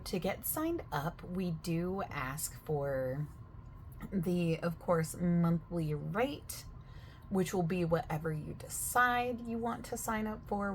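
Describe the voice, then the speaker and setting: Playing a gym staff member in a soft-spoken ASMR roleplay, a young woman chats away and over-explains, using plenty of fillers. Her voice sits lowish, with a slight hiss or hum in the recording.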